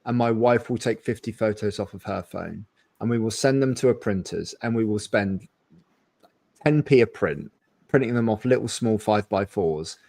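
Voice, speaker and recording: A man's voice: lowish voice, normal speed, gravelly, a little mellow, no echo. A man in his thirties or forties hosting a live webinar interview, talking enthusiastically and at length with many restarts. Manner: enthusiastic, talkative, rambling with restarts. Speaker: webinar host. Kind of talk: casual conversational interview. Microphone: video call.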